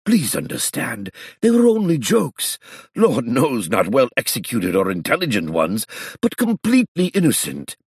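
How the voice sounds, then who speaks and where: A man voicing an excitable elderly male illusionist who talks in a theatrical, flustered way and drops French phrases. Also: mid-range voice, normal speed, slightly rough, no echo, studio quality, pitched above the performer's own voice, exaggerated voice. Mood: agitated. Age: older.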